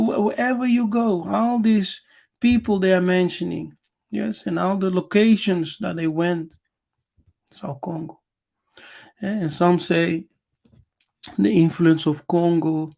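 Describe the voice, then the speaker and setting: A man's voice: high voice, creaky, a little mellow. A man from Angola hosting a lecture, reading passages aloud and commenting on them. He talks emphatically, repeating words and often adding "yes". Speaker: channel host.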